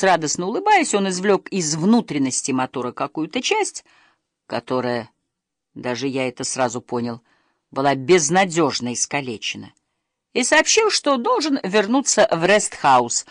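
An audiobook narrator reading a first-person story with expressive storytelling. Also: mid-range voice, normal speed, dry recording, clean studio sound.

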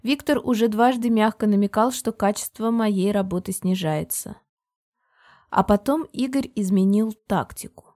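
A woman reads a novel aloud in the first person, at a measured, steady pace. Her voice is mellow and darker in tone, with a mid-range pitch for a woman. The narration stays even and controlled. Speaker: audiobook narrator.

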